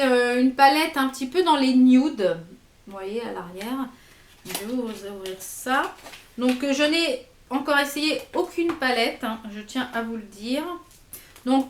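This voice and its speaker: A woman's voice: high voice, reverberant. A woman vlogger casually reviewing makeup, chatty and enthusiastic, often hesitating and repeating herself. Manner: hesitant, many fillers and repeats; chatty, enthusiastic about products. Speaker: beauty vlogger.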